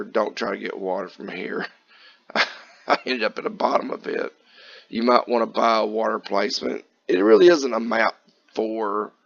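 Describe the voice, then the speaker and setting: A low-voiced man from Kentucky talks through a farming game in a relaxed, rambling way. His voice is gravelly and raspy, as if he has just gotten out of bed. The recording sounds a little dull and lo-fi. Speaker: gaming channel host. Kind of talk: casual gameplay commentary.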